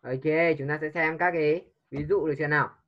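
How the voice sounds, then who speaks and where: A man's voice: fairly high pitch, fairly even intonation, fast talker, muffled recording. A man teaching an English lesson to a child, patiently coaxing with repeated prompts.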